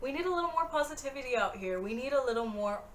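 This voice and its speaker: In a motivational vlog, a woman in her twenties speaks earnestly and encouragingly straight to the camera. Her voice sits high and is expressive and fast, and the recording is very noisy.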